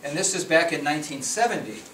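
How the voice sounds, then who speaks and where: A middle-aged policy researcher from the Chicago area talks fast in an expressive, somewhat high and slightly bright voice while presenting slides in a conference meeting room. His conversational delivery includes many restarts and repeated words, and the recording is noisy and echoey from a distance.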